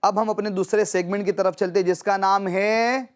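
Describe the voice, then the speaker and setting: A man's voice: high voice, fairly even intonation, smooth. A man teaching children Quran pronunciation, patiently repeating and drawing out words to model them. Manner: addresses viewers as dear children. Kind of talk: children's tajweed lesson.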